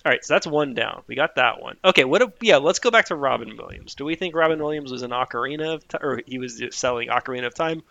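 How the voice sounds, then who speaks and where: A man's voice: quick pace, gravelly, hardly any pauses, no room sound, highs cut off. A man co-hosting a casual podcast, joking around playfully and swinging up and down as he talks. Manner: playful and jokey, with lively swings in pitch. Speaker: podcast co-host.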